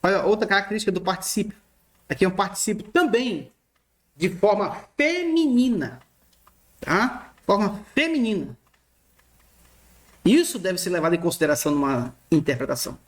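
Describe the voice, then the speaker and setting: A male teacher walks through a grammar lesson. His pitch moves freely up and down as he points at written text. He repeats himself and checks in with his students again and again. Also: animated, normal speed, pauses often. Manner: repeats points and checks in often with short questions. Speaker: Greek teacher. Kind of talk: recorded online lesson explaining grammar.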